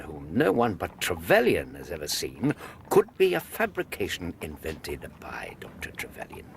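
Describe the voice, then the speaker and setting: An actor playing an earnest, blustery doctor and loyal companion to a detective, with an English RP accent, in a radio drama. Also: male voice, sits low, fairly bright tone, slight background noise, full character voice. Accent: English, Received Pronunciation.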